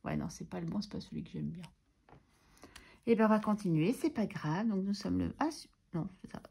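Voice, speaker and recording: Coughing and a little under the weather, a French woman chats about her budget while crafting, poking fun at herself along the way. Her mid-range voice is creaky, and there's a slight hiss or hum in the audio.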